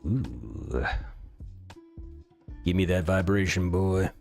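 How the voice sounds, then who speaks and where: Speaking slowly in a deep, gravelly, slightly mellow voice, a young man chats expressively on a live stream while building a game. He calls out his mistakes and restarts sentences, using a studio mic with a pop filter, with faint music behind him.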